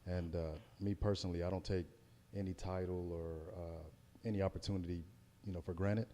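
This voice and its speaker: A man's voice: low-pitched, little pitch movement, fairly quick, dark tone, long reverb tail, slight background noise. An American man, a heavyweight boxer, giving a casual pre-fight interview in a hesitant, circling way. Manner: hesitant, circling, repeats words.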